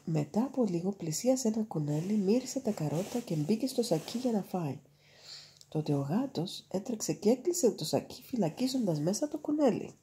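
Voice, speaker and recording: A woman reading a fairy tale aloud in a calm, measured storytelling manner. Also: medium pitch, slight background noise.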